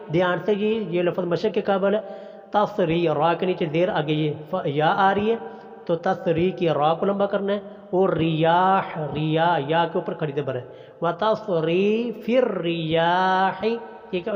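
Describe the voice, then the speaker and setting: A man with a Pakistani accent teaching Quran recitation, explaining pronunciation rules and chanting the verses in a drawn-out melodic style. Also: sits high, big-room sound, muffled recording.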